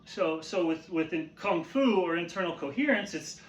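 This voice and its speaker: A man giving an informal instructional explanation as a martial arts teacher, halting and repeating his phrases as he goes, often checking in with a questioning tag. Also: high voice, lively intonation, slight background noise. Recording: roomy, echoey sound.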